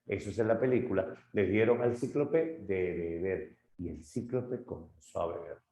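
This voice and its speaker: A male literature teacher retelling a story dramatically, shifting his pace and loudness, in an echoey room. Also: sits low, normal speed. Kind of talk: lively story retelling in a lesson.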